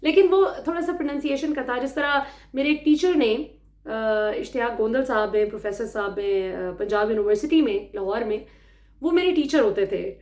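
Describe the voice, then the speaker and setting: A woman's voice: fairly high pitch, darkish tone, reverberant. A woman from Pakistan giving emphatic, indignant political commentary to her viewers, often switching into English phrases.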